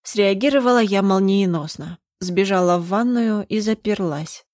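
A woman's voice: mid-range voice, moderate pace, darkish tone, no echo, clean studio sound. A woman narrating a first-person story in a tense, dramatic reading. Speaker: audiobook narrator.

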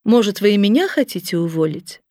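Lady doing a chill teasing auntie, low and easy, mocking, dry close mic. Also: animated, a little fast, dark tone, no echo, close to an everyday voice. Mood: mocking, calm. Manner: mocking, unruffled. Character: calm, mocking flying aunt, middle-aged woman. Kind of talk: audiobook character voice.

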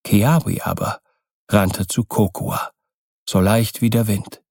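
A man narrating an audiobook in a measured storytelling style, close to the mic. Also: on the low side, steady tone, a little mellow, no echo. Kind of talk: scripted narration.

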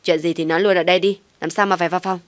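A woman's voice: lowish voice, fairly even intonation, racing, natural voice. A woman voicing a cold young wife who curtly pushes back at her husband in a storybook reading. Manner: curt, resistant.

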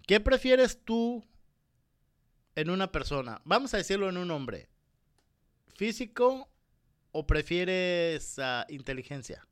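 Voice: mid-range voice, very animated, slow, long pauses, clear, resonant tone, no room sound, clean studio sound. A radio co-host in casual chat who asks questions and backs the other host up with short interjections.

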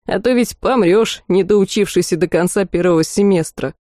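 A scornful young student boy taunting a first-year girl, read by a woman narrator. The voice is warm and mellow, recorded close and dry for an audiobook. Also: fairly low pitch, normal speed, no echo, natural voice. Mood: mocking. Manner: jeering, scornful. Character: young male redheaded student, mocking bully.

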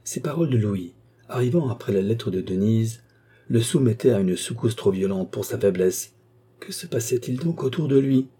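Man with a dark husky voice reading a classic. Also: medium pitch, expressive, normal speed. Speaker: narrator. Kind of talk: audiobook reading of a classic novel.

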